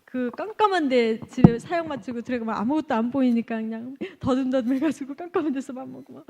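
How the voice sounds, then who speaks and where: A woman missionary giving an animated testimony at a church service, laughing often and acting out the people in her stories. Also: high voice, fast talker, creaky. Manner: animated, laughs often, acts out quoted exchanges. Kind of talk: lively storytelling testimony.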